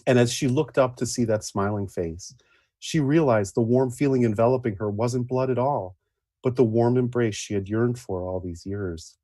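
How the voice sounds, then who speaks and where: A man with a husky voice telling a dramatic story as game master of a tabletop game. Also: medium pitch, moderate pace, mellow, no room sound.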